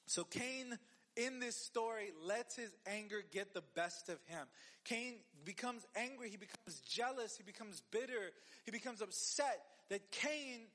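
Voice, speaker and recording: Male youth pastor, high voice, lively sermon delivery with acted-out quotes. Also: unhurried. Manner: animated, acts out the quotes.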